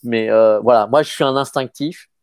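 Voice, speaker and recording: A man's voice: mid-range voice, a little mellow, clear, resonant tone, no room sound. Stammering man in his fifties, dry sound. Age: 50s. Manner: halting, stammering repetitions. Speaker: actor guest. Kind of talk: casual interview talk.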